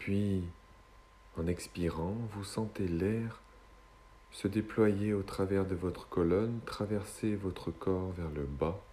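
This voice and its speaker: A male hypnotist leads a guided relaxation in a deep, soft-toned voice. He speaks very slowly and soothingly, leaving long pauses between short phrases. A faint noise sits behind the voice.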